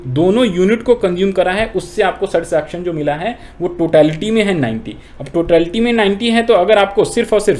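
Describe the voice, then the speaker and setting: A man's voice: high-pitched, a little mellow. A man teaching an online economics lecture, explaining step by step and asking and answering his own questions.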